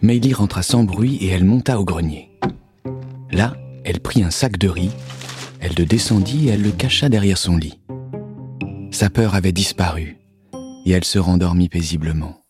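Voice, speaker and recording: A man calmly reading a children's story aloud in a measured, scripted narration. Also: low-pitched, music in the background.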